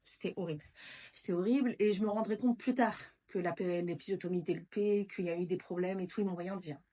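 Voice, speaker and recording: A woman's voice: lowish voice, fairly even intonation, fast talker, warm tone. A woman vlogger telling a personal story in a candid, casual way, blunt and emotional, with slang and swearing.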